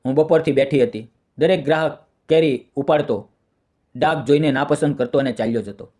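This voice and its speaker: A man narrating a scripted first-person family story in a steady, sorrowful way. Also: mid-range voice, moderate pace.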